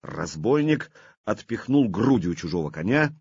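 A man narrating an audiobook with a lively, dramatic reading. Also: on the low side, unhurried, husky, dry recording, dull audio.

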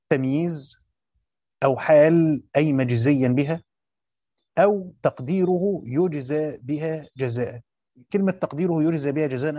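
In a mellow, slightly high voice with an Egyptian Arabic accent, a man teaches Quranic commentary step by step, repeating phrases and quizzing his students. The recording is dry, muffled, and lo-fi, with no echo.

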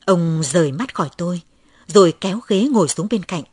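Woman narrator, husky voice, calm measured late-night story reading, dry close sound. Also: fairly low pitch, dry recording.

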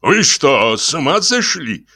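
A man voicing a plump, spoiled middle-aged engineer who calls out in a sing-song baby-talk voice and turns shrill when flustered. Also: animated, drawn-out words, a bit bright, full character voice. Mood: flustered, panicky.

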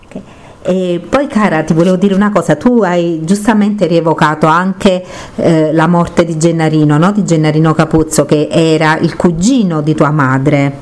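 A woman hosting a radio interview and reading a book passage aloud, gentle and hesitant with many fillers. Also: low-pitched, fairly even intonation, normal speed. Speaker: radio host.

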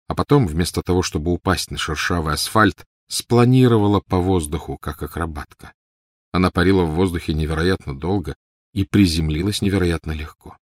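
A man reading a novel aloud in a calm, measured narration. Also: low-pitched, no room sound, clean studio sound. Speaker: audiobook narrator. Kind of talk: scripted narration.

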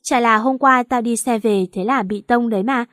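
A woman reading a first-person romance story aloud, lively and acting out the dialogue. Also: fairly high pitch, normal speed, no echo, clean studio sound. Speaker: audiobook narrator.

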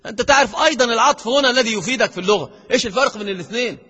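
A man with an Egyptian Arabic accent giving a grammar lecture to a class, quizzing the students with rhetorical questions and slowly stressing the verses he quotes. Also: extremely high pitch, bright, forceful tone, breathy edge, long reverb tail. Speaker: Islamic scholar teaching grammar.

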